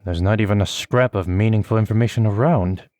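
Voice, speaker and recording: A man reading a horror visual novel aloud in steady first-person narration. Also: on the low side, fairly quick, no echo, clean studio sound. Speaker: let's play host. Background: faint game music.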